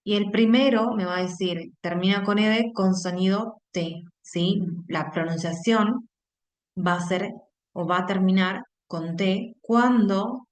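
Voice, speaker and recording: A woman with an Argentine Spanish accent gives an online English lesson over a computer mic. Her voice sits a little on the low side, and she moves through the material step by step, stopping after almost every phrase to check that her students are following. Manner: explains step by step, constantly checks with "¿sí?" and "¿bien?". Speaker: English teacher. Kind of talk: online class lecture.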